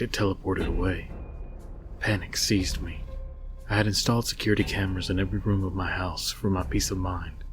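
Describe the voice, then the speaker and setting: A man narrating a scary story in a low, haunting voice, reading in a measured, scripted way. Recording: music behind the voice. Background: music.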